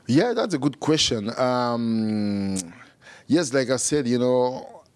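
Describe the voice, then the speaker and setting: A man from Cameroon, a guest musician, answering interview questions haltingly with many fillers and restarts. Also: medium pitch, lively intonation, smooth, no echo.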